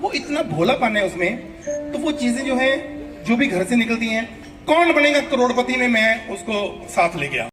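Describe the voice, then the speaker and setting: A middle-aged man doing live stand-up comedy. He chats and jokes, and he acts out the people in his stories. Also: very high voice. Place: event hall before an audience. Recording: live show with crowd noise. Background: audience laughter.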